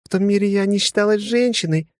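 A brusque ancient warrior woman, now somebody's wife, talks in a high, bright, teasing voice, as a male reader puts her on. She sounds clipped and matter-of-fact, close and dry, with no room around her. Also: fast talker, no room sound, close to an everyday voice. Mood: wistful. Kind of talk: audiobook character voice.

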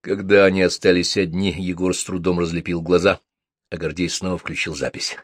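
A man narrates a crime audiobook in a low, slightly husky voice with a steady, even delivery. The sound is close and dry, with no room around it. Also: a little fast, dry recording. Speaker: audiobook reader.

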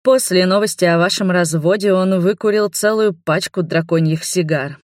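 A woman's voice: fairly low pitch, normal speed, no room sound, clean studio sound, lightly acted. A woman voicing an imperious noble mother who insists on answers in a commanding tone. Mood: insistent.

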